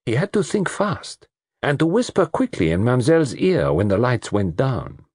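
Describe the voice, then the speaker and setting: This commanding detective speaks with a French accent, deliberate, precise and theatrical, in a storybook style. His husky, darkish voice sits at medium pitch and is pushed up, very animated, rising and falling widely. He sounds triumphant and exacting, and the recording is very dry.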